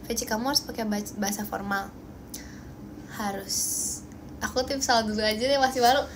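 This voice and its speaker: A young woman with a bright, high voice and an Indonesian accent hosts a casual phone livestream, bubbly and playful as she thanks viewers and protests teasing comments. A faint background hum sits under her voice in the room at home. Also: steady tone, normal speed. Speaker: idol livestream host.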